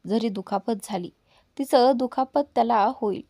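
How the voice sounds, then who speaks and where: A woman's voice: a little high, normal speed, warm tone, no room sound, studio quality, close to an everyday voice. A woman voicing a bold, outspoken young woman who talks back sharply. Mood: defiant.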